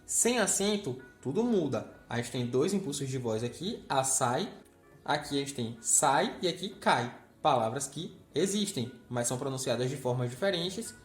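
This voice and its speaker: A man's voice: mid-range voice, lively intonation, normal speed, few pauses, faint music behind. A man teaching a grammar lesson, explaining step by step and checking in with the viewer.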